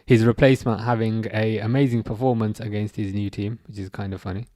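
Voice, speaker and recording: A young man from England, English accent, hosts a casual football livestream, rambling, repeating and restarting as he reads chat aloud. His voice is lowish, level and dark, he talks fairly quickly, and the recording is dry and clean like a studio.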